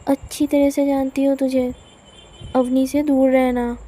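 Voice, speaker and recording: A woman's voice: sits high, little pitch movement, a little slow, warm tone. A woman voicing a playful, bossy young woman who mocks and teases her cousin in a storybook tale. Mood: scolding. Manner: mocking, teasing.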